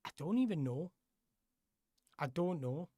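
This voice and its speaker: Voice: medium pitch, lively intonation, a little slow, dark tone, slightly rough, no room sound. Chatty football host in a dry room. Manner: rambling, self-correcting, chatty. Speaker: live-stream football host. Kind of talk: casual live-stream chat answering viewer questions.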